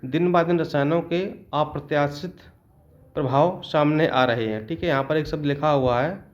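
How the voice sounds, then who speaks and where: Male teacher, slightly higher voice, patient step-by-step exam-prep delivery. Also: normal speed, lo-fi sound. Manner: explains step by step, often adds a checking "okay".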